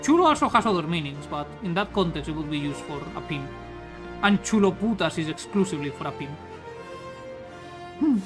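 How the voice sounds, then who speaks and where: A woman's voice: deep voice, expressive, a little fast, pauses often, music in the background, low-quality recording. A woman from Spain with a Spanish accent, chatting casually and crudely while streaming a game into a mic with a pop filter. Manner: rambling, crude, joking. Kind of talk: casual chat while gaming. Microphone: studio mic with pop filter.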